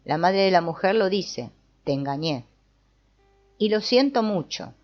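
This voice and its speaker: A woman giving a calm, measured scripted narration. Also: mid-range voice. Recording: dull lo-fi voice-over with soft guitar music.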